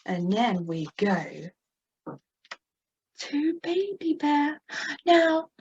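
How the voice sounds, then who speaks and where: A woman's voice: sits high, very animated, extremely slow, darkish tone, highs cut off. A young woman expressively teaching children with puppets, punctuating her talk with gasps. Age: young adult. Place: indoors at a computer, virtual background.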